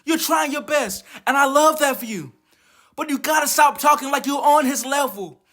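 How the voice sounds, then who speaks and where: A man's voice: extremely high pitch, moderate pace, fairly bright tone. A man doing a comedic anime commentary rant, exasperated, profane and mocking. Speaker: video essayist.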